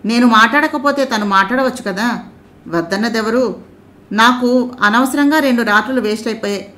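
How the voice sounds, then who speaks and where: A woman voicing a proud young husband who is quick to irritation, speaking in blunt, sulky retorts. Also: on the high side, a bit bright, lightly acted.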